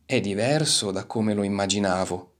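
A man voicing an eager, clumsy female tortoise who has just learned to fly, shouting boastfully in a storybook reading. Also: fairly low pitch, normal speed, lightly acted. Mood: dazed murmur.

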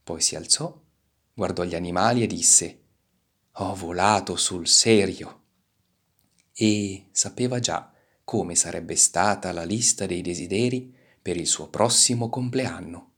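A man reading a children's storybook aloud with animated, expressive delivery. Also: deep voice, a little slow, husky. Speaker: narrator.

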